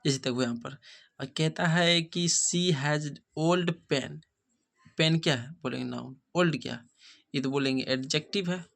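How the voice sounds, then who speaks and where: A man's voice: medium pitch, moderate pace, vocal fry, fairly bright tone. A man teaching an English grammar lesson, asking rhetorical questions and checking whether students follow. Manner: repeats rhetorical questions, checks understanding often.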